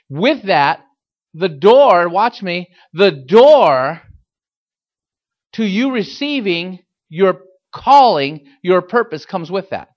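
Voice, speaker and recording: A man with a high-pitched voice, recorded with a muffled sound, preaches a fiery sermon as a pastor. He is emphatic and exhorting, repeating phrases and firing pointed questions at his listeners.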